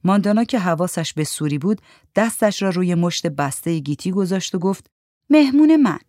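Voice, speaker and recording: A woman narrating a literary short story in a steady, measured reading voice. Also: fairly low pitch, dry recording, clean studio sound.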